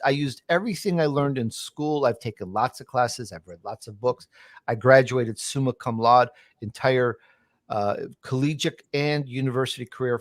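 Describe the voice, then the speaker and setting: Clean studio audio, free of any room sound, carries a mid-range male voice. He's a podcaster and entrepreneur being interviewed, sharing his business journey and advice in a forceful, assured, chatty way.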